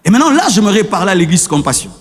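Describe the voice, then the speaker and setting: Man, pastor preaching a sermon, quite high voice, very animated pitch. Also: very fast, husky, in a large hall. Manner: swings between soft teaching and shouted preaching. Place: church.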